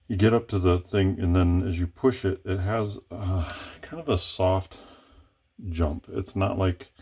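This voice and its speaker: A man with a very deep, warm voice talks himself through picking a lock. He thinks aloud as he works, hesitating, restarting phrases, and correcting himself mid-sentence.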